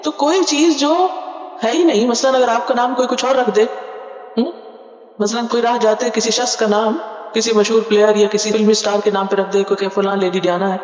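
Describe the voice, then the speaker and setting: A woman's voice: on the high side, steady tone, darkish tone. A woman Quran teacher giving a word-by-word tafseer lesson. She explains terms patiently, adds English glosses, and keeps asking her listeners questions that she then answers herself. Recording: echoey hall, dull lo-fi sound.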